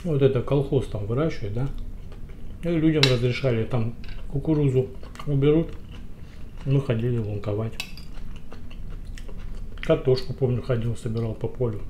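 A man's voice: medium pitch, normal speed, long pauses, mellow. A man hosting a mukbang, chatting in a homely, storytelling way while talking with his mouth full. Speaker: mukbang host. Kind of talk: casual chat while eating. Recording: echoey room with faint noise.

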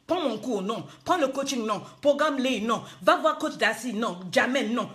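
A woman's voice: a little high, animated, moderate pace, background noise. A woman life coach, scolding her viewers in a live-streamed motivational talk, emphatic and full of rhetorical questions.

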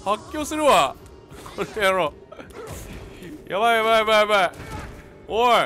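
A man's voice: high voice, moderate pace, soft background music. A man commentating on his own video game play in a jokey, chatty way, talking back at enemies. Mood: panicked. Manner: jokey, talks to enemies, yells in panic. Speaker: game streamer.

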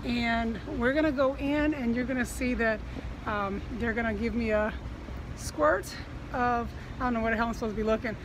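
Higher-voiced woman talking through a face mask. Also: moderate pace, noisy background. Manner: speaking through a face mask, slightly muffled. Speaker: vlogger. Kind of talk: casual vlog chat. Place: outside shops and inside a fabric store. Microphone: phone at arm's length.

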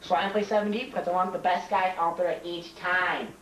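A man's voice: sits high, steady tone, fast talker, a bit bright, slight background noise. Teacher impression: boastful, petty basketball coach played by a young man, repetitive, comedy skit, roomy distant camcorder sound. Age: young adult. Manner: repetitive, self-important. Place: home kitchen. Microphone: camcorder across the room.

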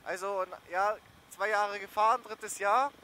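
A young man vlogging from his motorbike talks in a high, steady, bright, and pushed voice, a little on the slow side. His chat is casual, slangy, and wandering, and the ride's wind, engine, and road sounds come through clearly.

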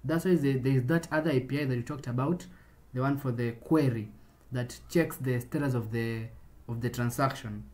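Mellow-voiced man teaching coding. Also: mid-range voice, normal speed. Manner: casual, explanatory, with frequent restarts. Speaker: programming tutor. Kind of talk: screen-recorded coding tutorial.

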